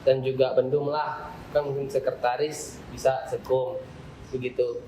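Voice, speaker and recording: In this clip the young man's voice is mellow and mid-range, level in tone and measured in pace, as he talks at length about the student association he chairs on a laid-back podcast, heavy with fillers. Faint ambience fills the roomy room, with slight background noise.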